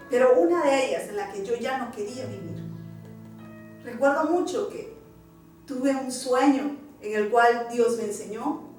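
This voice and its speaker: A woman's voice: on the high side, a little mellow. A woman pastor from Peru giving an emotional testimony as a sermon, speaking directly to her congregation. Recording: echoey church hall, distant mic, faint music.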